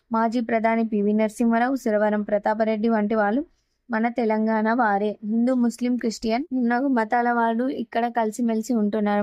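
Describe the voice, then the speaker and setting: Woman teacher, gravelly, repeats words slowly for the class. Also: a little high, a little mellow, no echo. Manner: repeats each word slowly for pupils. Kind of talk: school lesson revision.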